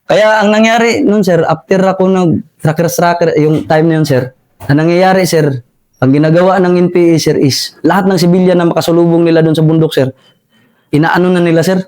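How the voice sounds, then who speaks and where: A man's voice: on the high side, steady tone, fairly quick, darkish tone. A young man with a Filipino accent telling his war story in a casual interview, ending nearly every phrase with "sir" and chuckling often.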